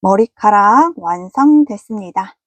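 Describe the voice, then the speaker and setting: A woman's voice: mid-range voice, expressive, a little slow, no echo. A woman giving a patient, polite step-by-step crochet tutorial. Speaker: crochet instructor.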